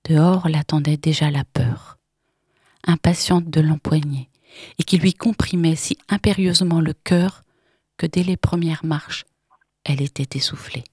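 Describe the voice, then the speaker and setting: A woman narrating a literary novel in a measured, dramatic way, often dropping to a whisper. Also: fairly low pitch, darkish tone, slightly rough, dry recording, clean studio sound.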